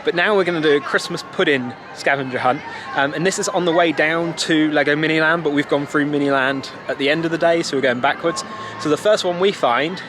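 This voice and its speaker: Fairly quick and on the high side, this young British travel vlogger's voice carries chatty, loosely improvised observations as he films himself at arm's length. He's walking around outdoors in a busy theme park. Crowd chatter and heavy ambient noise run throughout the clip.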